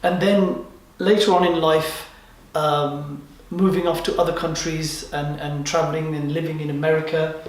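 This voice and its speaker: A man born in Kenya and raised in England, answering interview questions in a measured way with frequent pauses. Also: fairly high pitch, level tone, recorded from a distance. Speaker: guest, life and business coach. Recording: very echoey room, away from the mic.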